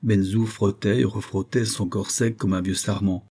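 A man narrating an audiobook in a measured, expressive reading. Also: on the low side, slightly rough.

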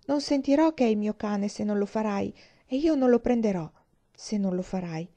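A woman's voice: medium pitch, normal speed, dark tone, lo-fi sound, close to an everyday voice. Woman reading an eager young boy.

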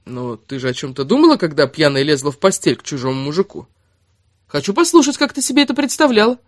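A man voicing a blunt, exasperated young man in an audiobook, scolding and sometimes going cold and flat. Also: a little high, fast talker, no echo, clean studio sound. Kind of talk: audiobook character reading.

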